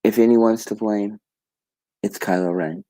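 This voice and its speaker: A man voicing a grieving older woman leader in his own low voice, quoting her quietly while retelling a story. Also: steady tone, a little slow, close to an everyday voice. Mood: consoling.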